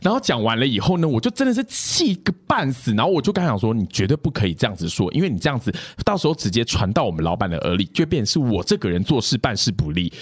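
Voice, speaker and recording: Podcast co-host, man, quick and husky, rants with a swooping delivery. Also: medium pitch. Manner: animated, exasperated ranting. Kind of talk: casual storytelling chat.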